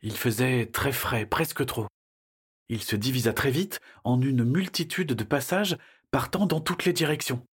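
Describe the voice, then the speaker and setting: A man narrating a children's adventure audiobook in a lively storytelling manner. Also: mid-range voice, a little slow, breathy edge. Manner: lively storytelling, shifting into character voices.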